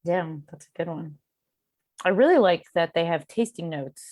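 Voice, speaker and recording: Podcast guest, woman, low voice, chatty and self-deprecating, dry close mic. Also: lively intonation, moderate pace, darkish tone, dry recording. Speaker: guest, cartoonist and beer educator. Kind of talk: casual podcast chat.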